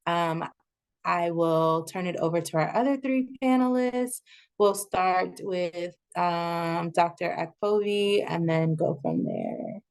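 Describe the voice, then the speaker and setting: A woman from Houston hosts an informal panel over a video call. Her voice sits somewhat low. She talks in a friendly, chatty way and drops in plenty of ums. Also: darkish tone. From Houston, Texas. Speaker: panel moderator, second-year resident. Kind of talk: casual panel hosting.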